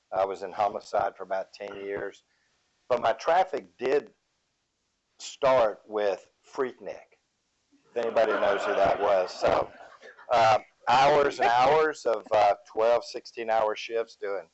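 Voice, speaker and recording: A man introducing himself on a conference panel as a police chief, plainspoken with dry humor. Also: on the low side. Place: conference room. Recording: dull lo-fi room audio.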